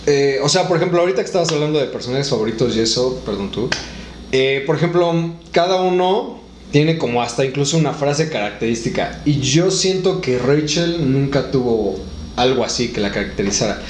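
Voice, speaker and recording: A man's voice: mid-range voice, expressive, fairly quick. Mexican man chatting in an echoey room. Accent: Mexican Spanish. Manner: rambling, lots of fillers and slang. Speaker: podcast co-host. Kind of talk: casual chat. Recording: echoey room, faint noise.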